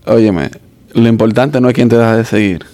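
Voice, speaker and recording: A man hosting a podcast in casual interview chat, telling stories fast and animated with quoted asides. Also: mid-range voice. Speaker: podcast host. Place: Miami podcast studio.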